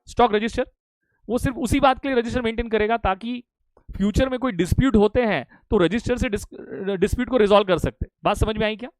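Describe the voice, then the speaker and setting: Indian man, middle-aged accounting tutor, high voice, repeats and pushes for fast answers, dry close sound. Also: dry recording. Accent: Indian English. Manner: drilling repetition, urging quick answers. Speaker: accounting teacher. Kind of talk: live online lecture.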